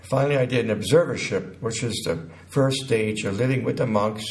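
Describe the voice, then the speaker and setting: A Connecticut man in his sixties, with a mid-range voice, tells his life story as an interview guest. He speaks haltingly, often pausing mid-sentence.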